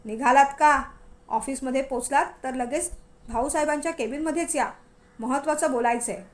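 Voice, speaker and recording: A woman's voice: high voice, normal speed, lightly acted. A woman voicing a stern, proud elderly father who heads a family business, speaking formally and with authority. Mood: commanding.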